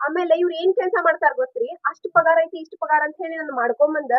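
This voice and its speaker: A woman's voice: high-pitched, racing, dull audio, noisy background. A woman playing a despairing wife in a comedy sketch, pleading and complaining.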